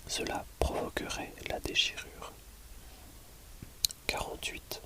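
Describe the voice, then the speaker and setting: Slow, hushed library whisper, ASMR reading. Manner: measured, pausing between short phrases. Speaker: audiobook reader.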